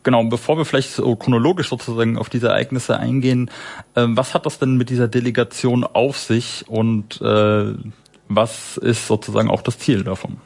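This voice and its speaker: A man's voice: medium pitch, steady tone, normal speed, creaky, a little mellow, breathy edge. A man hosting a radio show in a studio, speaking in long, rambling sentences. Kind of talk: casual radio presenting. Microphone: studio microphone.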